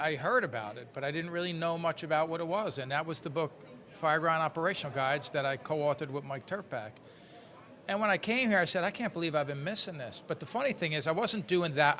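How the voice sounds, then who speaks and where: A man on a podcast as the guest, telling stories in an animated, laughing way. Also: on the high side. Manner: animated storyteller, laughs while telling anecdotes. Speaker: guest instructor. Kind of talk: casual podcast chat.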